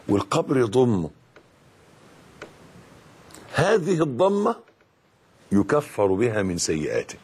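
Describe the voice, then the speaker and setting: A middle-aged man with an Egyptian Arabic accent giving a religious lesson as a preacher, emphatic and dramatic, dropping to a hush and then rising loud. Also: on the high side, husky. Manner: emphatic, dramatic swings between hushed and loud.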